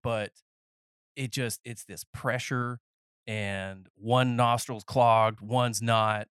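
A man's voice: mid-range voice, little pitch movement, slow pace, a bit bright, smooth, dry recording, studio quality. A man in his thirties hosting a casual podcast interview, a little nasal and congested, rambling and joking as he talks. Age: 30s. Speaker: podcast host. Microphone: headphones and podcast mic.

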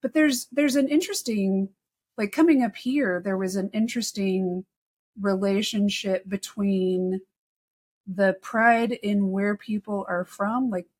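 A woman from Texas, a podcast guest, talking in a chatty storytelling way with quick asides. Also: mid-range voice, darkish tone. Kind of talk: casual conversation.

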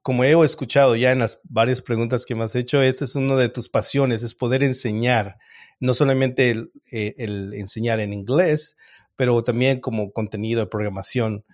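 A man's voice: medium pitch, fairly even intonation. Thoughtful man from Argentina hosting. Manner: thoughtful, drawn-out questions with fillers. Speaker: podcast host. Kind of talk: interview questions.

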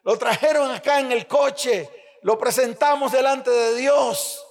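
Male pastor, very high voice, fiery call-and-response sermon, reverberant hall. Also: a little slow. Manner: call-and-response, urging the congregation to answer aloud; swings between shouting and quiet, hushed storytelling. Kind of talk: preaching a sermon.

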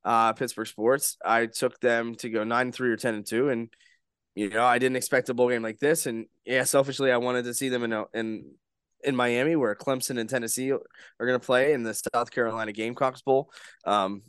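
A man's voice: mid-range voice, steady tone, fairly quick, a bit bright, clear, resonant tone, dry recording, clean studio sound. A young man hosting a casual sports podcast, talking in loose, rambling sentences full of restarts. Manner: rambling, frequent restarts and fillers. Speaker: podcast host.

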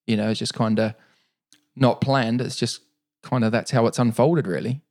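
A middle-aged man with a New Zealand accent, talking casually in an interview, relaxed and rambling with fillers and restarts. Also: mid-range voice, normal speed. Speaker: interviewee, para-cyclist.

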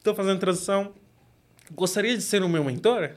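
A young man from Brazil with a São Paulo accent, talking casually as an interview guest, relaxed and quick to laugh. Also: high voice. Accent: São Paulo Portuguese. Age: young adult.

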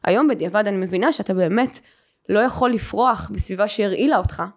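A young woman hosting a podcast, telling her own story with feeling and acting out the voices of the people in it. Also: medium pitch. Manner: animated, acts out quoted voices. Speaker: podcast host. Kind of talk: emotional personal storytelling.

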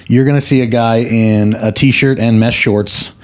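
A man's voice: mid-range voice, steady tone, a little slow. A young man from Colorado, a podcast guest, telling stories in an easygoing way with frequent laughs. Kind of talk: casual chat.

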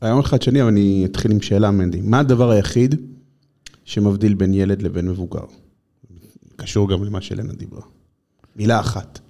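Male educator guest, fairly low and mellow, explains didactically in conversational speech, stressing key words. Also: fairly even intonation, long pauses.

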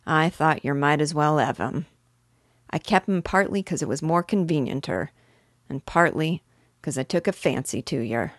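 A rough, cheeky burglar, as a woman reader puts him on, talks in broad dialect with dropped h's and a fondness under the gruffness. The voice sits low and a touch louder than the narration, recorded close and dry. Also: animated, moderate pace, dry recording. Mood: amused. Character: rough cockney male burglar, cheeky and fond. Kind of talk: audiobook character voice.

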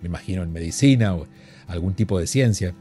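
A man hosting a call-in advice show who talks in a calm, reflective and gently reassuring way. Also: deep voice, fast talker, faint music behind. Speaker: radio show host.

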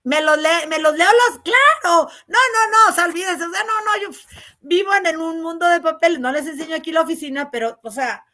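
A woman with a loud, resonant voice, telling stories as a guest in a casual interview with lots of quick asides. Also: extremely high pitch. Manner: animated, rapid storytelling full of "o sea" asides. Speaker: congresswoman guest.

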